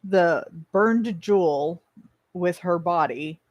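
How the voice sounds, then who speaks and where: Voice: medium pitch, slow pace, no echo, muffled recording. A person chatting casually and bluntly to viewers in an opinionated, rambling way, swearing at times and chewing while talking. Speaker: vlogger.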